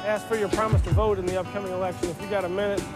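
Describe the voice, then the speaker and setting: A man's voice: high voice, level tone, very fast, over loud music. A man in his thirties canvassing for votes, upbeat and persuasive, talking with people around a city building. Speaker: political canvasser. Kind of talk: door-to-door campaigning.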